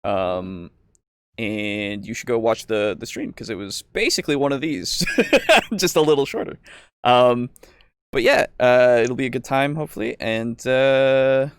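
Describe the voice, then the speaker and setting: This podcast host has a medium-pitched, clear, resonant voice and speaks at a measured pace in a dry recording. He chats casually in an informal, rambling way, chuckling often, as he wraps up the show with a sign-off.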